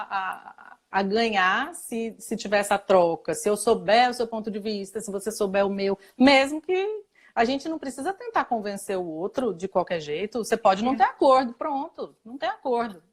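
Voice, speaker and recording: A woman with a Brazilian Portuguese accent, a guest expert in a casual live chat, explaining at length with fillers and laughs. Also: on the high side.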